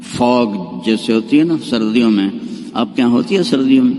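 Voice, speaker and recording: A man preaching a storytelling sermon, asking the audience questions and slowing into sing-song recitation. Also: medium pitch, expressive, warm tone. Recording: long hall reverb.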